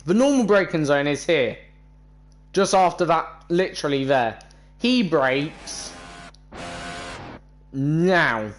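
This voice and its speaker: A man's voice: fairly high pitch, expressive, slow, long pauses. A British man giving casual, grumbling, exasperated commentary while playing a racing game. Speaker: gamer, video creator. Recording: racing car noise behind voice. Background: racing game engine sound.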